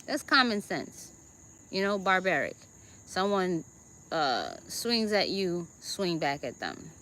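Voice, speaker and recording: A woman with a Jamaican accent gives a deliberate self-help talk as host, often checking in with her listeners with "okay?" and "right?". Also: fairly low pitch, big pitch swings, pushed and bright.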